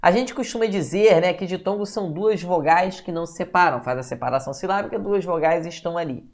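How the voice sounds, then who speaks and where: Talking fast in a high-pitched voice, a Brazilian Portuguese-accented man leads a live online exam-prep grammar lesson. His style is chatty, with frequent "beleza?" check-ins and greetings to viewers by name.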